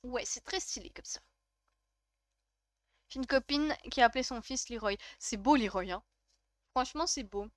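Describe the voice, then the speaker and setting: A woman's voice: on the high side, normal speed, long pauses, dry recording, clean studio sound. A young woman with a French accent streaming a life-sim game, chatting casually and gushing as she reacts to her chat. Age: young adult.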